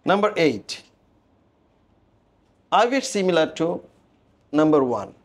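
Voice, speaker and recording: A man's voice: on the high side, big pitch swings, drawn-out words. A man with a Bangladeshi accent teaching English pronunciation to a class, modelling sounds and asking students to repeat them. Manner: drills sounds aloud, asks the class to repeat. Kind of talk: classroom phonetics lesson.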